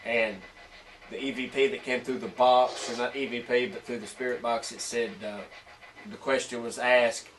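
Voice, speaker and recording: A man, a paranormal investigator, gives excited ghost-hunt commentary and puts questions aloud inside an old building at night. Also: mid-range voice, normal speed. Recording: distant echoey room with faint hiss.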